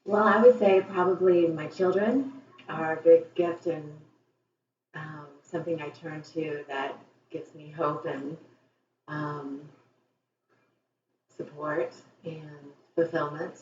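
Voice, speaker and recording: A woman's voice: sits low, steady tone, slow pace, long pauses, darkish tone, slight background noise. A woman interviewee gives candid, reflective answers that wander a little. Her voice is heard re-recorded through a TV speaker. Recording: echoey, dull, distant TV re-recording.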